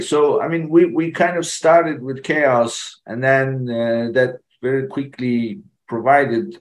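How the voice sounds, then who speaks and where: A male host with a mid-range voice leads a casual interview. His voice carries a roomy echo, and he talks conversationally, summing up what his guest says. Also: mid-range voice. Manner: conversational, summarizing the guest's points. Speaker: podcast host.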